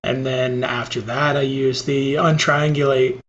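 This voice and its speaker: A man's voice: mid-range voice, little pitch movement, unhurried, fairly bright tone. A man who works as a 3D animator, a guest on a podcast, talking through technical work in a matter-of-fact way with some restarts. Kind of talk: casual podcast chat. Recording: dull lo-fi sound with faint noise.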